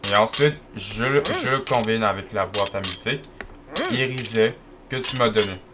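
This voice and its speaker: A man reading aloud the lines of an eccentric male automaton inventor from a video game, in a slightly deeper, gruff voice, slow and emphatic. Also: background noise, natural voice. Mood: cheerful. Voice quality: deep, gruff put-on voice.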